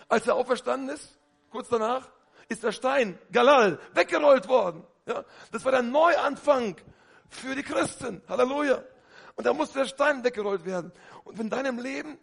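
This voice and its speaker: A man with a high voice preaches a lively sermon. He talks straight to his congregation, asks questions and often calls out hallelujah. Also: vocal fry, breathy edge.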